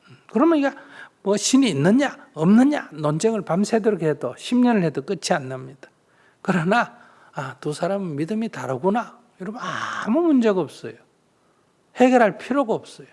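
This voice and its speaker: Lively monk teaching. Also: male voice, sits high, a little fast. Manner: lively rhetorical questions, acts out little dialogues. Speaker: Buddhist monk answering questions. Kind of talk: Buddhist dharma talk, question and answer.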